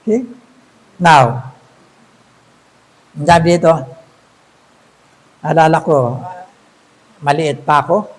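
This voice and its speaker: A man's voice: fairly high pitch, slow pace, pauses often, rough recording. A man preaching a sermon in a storytelling way, often asking the congregation rhetorical questions.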